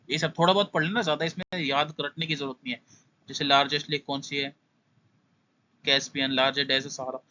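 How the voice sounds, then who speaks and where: Young male tutor, quick casual lesson, bright edge, slightly muffled lo-fi sound. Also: a little high, a little hiss or hum. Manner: brisk, skims through points, repeats "must know". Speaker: exam prep tutor. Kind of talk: casual exam-prep lesson.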